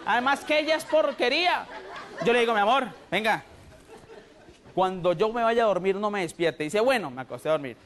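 A man with a Colombian accent doing a loud, rowdy stand-up routine and acting out the people in his jokes. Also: high voice, lively intonation, fairly quick, a faint crowd. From Huila, Colombia. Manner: loud, rowdy, acts out quoted voices. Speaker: stand-up comedian. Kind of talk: stand-up routine on TV comedy show.

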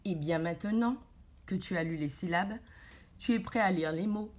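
A woman's voice: fairly low pitch, moderate pace, a little mellow. A woman teacher leading a reading lesson for young children, patiently sounding out syllables for the child to repeat and praising often. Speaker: primary school teacher.

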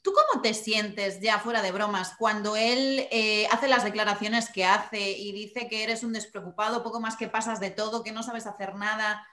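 A woman interviewer puts measured, probing questions to her guest. Her voice sits at an ordinary middle pitch, and the recording has a roomy echo. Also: pushed and bright. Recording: roomy sound.

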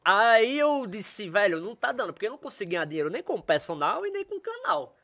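Animated man telling a story. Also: high-pitched, fairly quick, gravelly. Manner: animated, acts out quoted voices, laughs while telling. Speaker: podcast guest, comedian. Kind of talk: casual storytelling.

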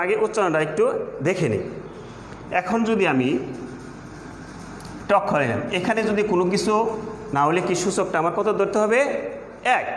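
Man, Bengali accent, high voice, math teacher, asks and answers his own questions, long reverb. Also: fairly bright tone, slight background noise. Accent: Bangladeshi Bengali. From Bangladesh. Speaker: assistant teacher. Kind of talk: classroom math lesson. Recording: echoey room with long reverb.

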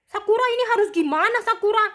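Anxious young girl, very high and bright, fretful questions, a woman voicing her in a game role-play. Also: fast talker. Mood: worried.

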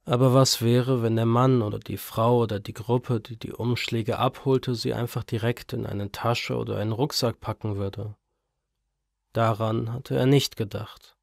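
Gravelly man narrating horror story. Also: medium pitch, steady tone, unhurried, darkish tone, dry recording, clean studio sound.

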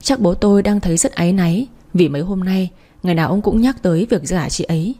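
Low mellow woman reading a night story. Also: fast talker. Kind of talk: scripted narration of a late-night story.

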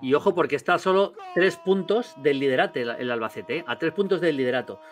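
Rapid-talking middle-aged Castilian Spanish man. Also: a little high, animated, slight background noise. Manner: chatty, addresses viewers as friends. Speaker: host of a football channel. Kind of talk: casual highlights commentary to camera. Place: small home studio with foam panels. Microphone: close desk microphone.

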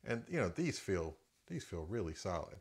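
Chatting to his viewers in a relaxed product review, a middle-aged man walks through audio equipment and offers plenty of personal opinions. His fairly low voice has a sing-song lilt and a moderate pace.

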